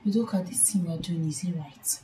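An actress who pleads and scolds, repeating herself. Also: female voice, high voice, very animated, a little slow, dark tone, a little hiss or hum, poor audio. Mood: pleading. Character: anxious, moralizing young woman scolding a friend. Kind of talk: Nollywood film acting. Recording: film soundtrack with music underneath.

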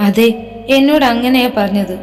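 A woman's voice: a little high, normal speed, darkish tone, pitched above the performer's own voice, close to an everyday voice. A woman voicing a small, cheeky girl who asks curious childlike questions in a storybook reading. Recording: reverberant with background music.

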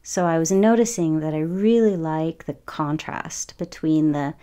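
A woman's voice: deep voice, measured pace, dark tone, clean tone. A woman in her forties chatting casually over her painting process, rambling with frequent ums. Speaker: watercolor artist.

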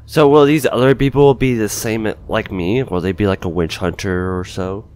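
A man's voice: fairly low pitch, steady tone, moderate pace, a little mellow. A man giving casual gameplay commentary, thinking aloud informally as he plays. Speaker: gaming video host.

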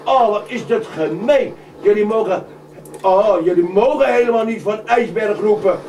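A man voicing a panicky young male sailor and prankster who stammers and shouts frantically in a live puppet show. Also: very high-pitched, expressive, slow pace, highs cut off, heavily acted. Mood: indignant. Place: museum room. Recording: echoey room, distant mic, noisy.

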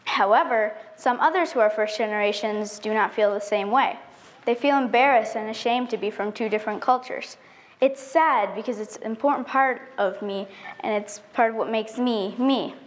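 A woman's voice: a little high, moderate pace. A teenage girl from the United States giving a prepared speech on an auditorium stage, reciting carefully and earnestly. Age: teen. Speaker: student speaker.

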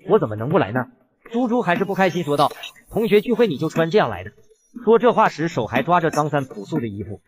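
Brief: male recap narrator, fast and lively, pitch bouncing, scripted telling of a skit. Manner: brisk storytelling, lively. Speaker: video narrator.

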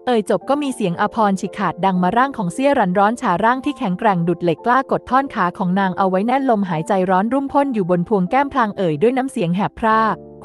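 A woman narrating a fantasy novel as an audiobook reader, in a steady storytelling manner. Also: medium pitch. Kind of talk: scripted narration.

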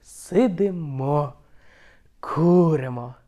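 A young man reading a humorous story aloud, lively and expressive, shifting his volume for effect. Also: on the high side, drawn-out words, dull audio. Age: young adult. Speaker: student reciter.

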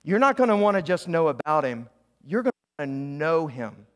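Man, pastor, sermon in a church, high-pitched voice, interactive, restarts phrases. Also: big pitch swings, brisk. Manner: interactive preaching, frequent restarts, asks congregation to repeat. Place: church sanctuary.

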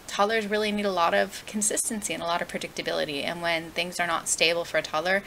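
A woman's voice: lowish voice, bright, forceful tone, slight background noise, rough recording. A young woman teaching parents how to handle toddler tantrums, earnest and conversational, often asking the viewer questions. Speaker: parenting educator. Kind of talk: direct-to-camera parenting advice.

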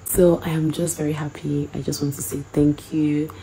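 Tired, calm woman with a low, mellow voice. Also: normal speed, slight background noise, rough recording. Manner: calm, gushing with pride. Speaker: graduate's wife. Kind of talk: casual talk to camera.

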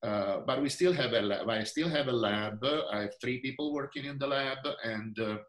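Speaking at a moderate pace with a medium-pitched, slightly bright voice, the Italian-accented physician and researcher, in his sixties, is heard with a roomy sound. He's in an indoor room on a video call, answering an interviewer with many fillers and restarts.

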